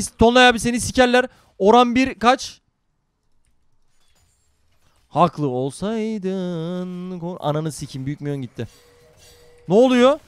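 A man streaming a game live, talking to his chat in a brash, excitable, foul-mouthed way. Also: sits high, clean tone, dry recording, clean studio sound. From Turkey. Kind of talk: live gaming stream commentary.

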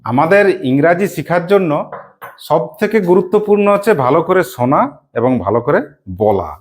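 A woman's voice: lowish voice, expressive. A woman teacher leading a spelling lesson for young pupils, drilling them with call-and-response and frequent check questions. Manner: asks children quick check questions.

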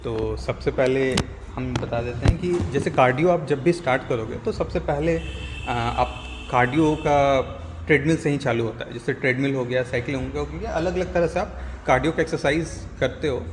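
A man's voice: mid-range voice, normal speed. Young man explaining in a reverberant gym. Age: young adult. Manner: steady instructive tone, mixing in English words. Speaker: gym member. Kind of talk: on-camera explaining, casual. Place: indoor gym. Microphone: lapel mic. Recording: reverberant gym with faint ambient noise.

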